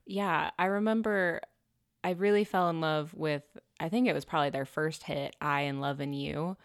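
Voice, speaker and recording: A woman's voice: low voice, moderate pace, dry recording, studio quality. A woman co-hosting a podcast in casual chat, friendly and playful, laughing often. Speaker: podcast co-host.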